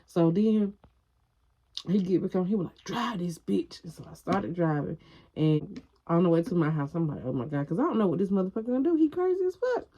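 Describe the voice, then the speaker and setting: A young adult woman telling a personal story to her viewers in a casual, animated way, swearing freely and calling out to the audience. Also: mid-range voice. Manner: animated, frank storytelling with profanity, addressing viewers. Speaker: vlogger.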